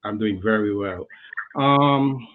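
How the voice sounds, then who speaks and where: A man hosting an interview show, asking questions in a measured way with frequent ums. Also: lowish voice, narrow, tinny audio, noisy background. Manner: measured, hesitant with fillers. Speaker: host. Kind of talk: radio interview.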